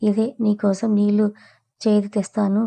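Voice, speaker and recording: A woman's voice: mid-range voice, completely flat delivery, normal speed, creaky, dark tone. A woman voicing a kind, middle-aged mother-in-law who speaks soothingly and affectionately in a storybook reading.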